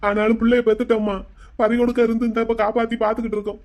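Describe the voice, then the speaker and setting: A worried middle-aged father in a cartoon. He sounds fairly high-pitched and rushed, pleading anxiously for his daughter. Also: little pitch movement, darkish tone.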